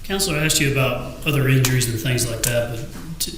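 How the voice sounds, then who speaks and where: A man's voice: medium pitch, a little fast. A man working as an attorney, formally putting leading questions to a witness and asking for confirmation. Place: indoor courtroom. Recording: very echoey courtroom, distant mic, faint noise.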